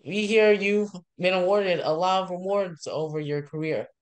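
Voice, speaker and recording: A friendly interviewer who keeps the questions short and easy, speaking at an ordinary middle pitch. The delivery stays casual and encouraging throughout. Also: moderate pace, clear, resonant tone, low-quality recording.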